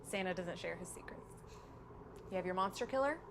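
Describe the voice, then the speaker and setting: A woman playing a calm mother who speaks softly and gently to her son, in a noisy video played back on stream. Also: lowish voice, brisk, natural voice. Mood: hushed. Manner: hushed, gentle.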